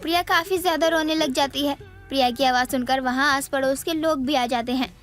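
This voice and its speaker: High voiced lady narrating a bedtime story, soft music under. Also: a little fast.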